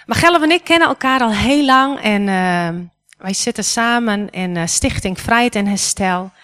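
A woman's voice: mid-range voice, normal speed, fairly bright tone. Woman, 40s, guest preacher, chatty sermon delivery with frequent questions to the room. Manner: conversational, asks the congregation questions. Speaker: guest speaker. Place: church hall.

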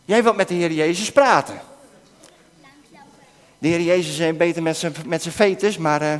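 A man leading an interactive children's talk in church, coaxing the kids with questions and now and then breaking into shouts. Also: fairly high pitch, normal speed. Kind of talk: interactive object lesson with children. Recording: long hall reverb.

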